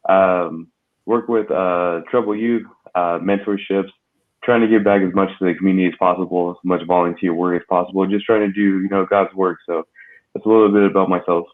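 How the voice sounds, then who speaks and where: A man's voice: low voice, steady tone, brisk. A man introducing himself as a guest author in a hesitant, casual way, with many ums. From United States. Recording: tinny phone-like call audio.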